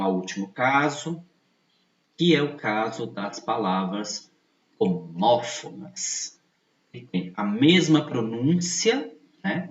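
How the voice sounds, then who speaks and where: A man giving a video lesson, explaining slowly and patiently, often checking in with his listeners and repeating key points. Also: mid-range voice. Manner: slow, patient, repeats points with frequent tag questions. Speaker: teacher. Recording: echoey, distant, dull-sounding room mic.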